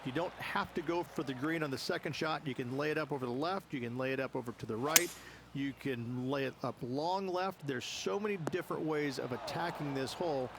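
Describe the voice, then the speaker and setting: Male golf commentator, analyst role. Fairly high voice, conversational and explanatory, over clear outdoor noise. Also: brisk.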